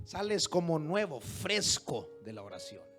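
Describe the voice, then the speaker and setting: A man preaching a sermon as pastor, moving from hushed storytelling to loud exhortation and throwing rhetorical questions at the congregation. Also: fairly high pitch, sing-song, measured pace, faint music behind. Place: church service.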